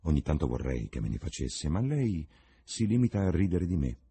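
A man's voice: a bass voice, very animated, normal speed, creaky, mellow, slightly rough, exaggerated voice. A man voicing a witty, cynical young lord with an ironic, drawling manner.

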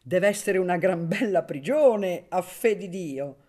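A woman's voice: deep voice, expressive, a little slow, warm tone, slightly rough, heavily acted. A woman voicing an affable, plump middle-aged male judge who chats in a bantering, confiding way, in a radio reading of a novel. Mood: jovial.

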